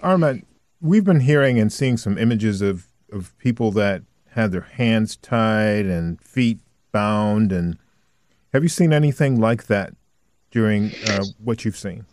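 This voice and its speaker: A male news anchor asking brief, measured questions in an interview. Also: lowish voice, animated, darkish tone, no echo, clean studio sound.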